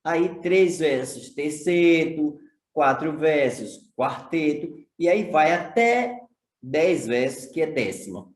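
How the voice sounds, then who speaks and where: A man's voice: fairly high pitch, animated, slow pace, reverberant. A male teacher from Sergipe, Brazil, with a Brazilian Portuguese accent, explaining a lesson and asking rhetorical questions. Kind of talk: recorded online lesson.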